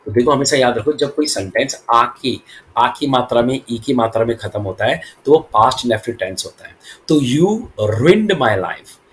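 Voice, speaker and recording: Man, English teacher explaining in Hindi, quick talk with slow deliberate examples, mid pitch, faint noise behind. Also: a bit bright. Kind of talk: Hindi-language English lesson.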